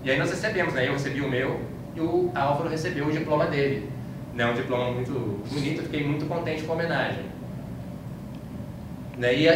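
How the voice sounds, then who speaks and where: In a fairly high voice, a Brazilian man with a Brazilian Portuguese accent tells a live indoor audience about his trip through an informal slide-show talk, anecdotal and conversational, frequently adding checking tags. The mic sits far from him, so the echoey room and noticeable background noise come through.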